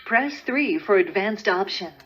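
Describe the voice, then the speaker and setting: A woman's recorded voicemail announcement heard over a landline phone. She speaks slowly in a formal, measured way, at a middling pitch. The sound is dull and lo-fi with steady noise behind it. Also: breathy edge. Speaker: automated voicemail system prompt.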